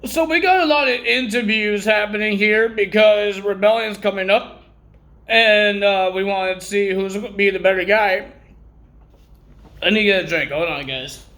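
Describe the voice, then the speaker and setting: A man's voice: sits high, moderate pace, bright, forceful tone. A man recapping wrestling results in a casual vlog, rambling and correcting himself while he has the hiccups.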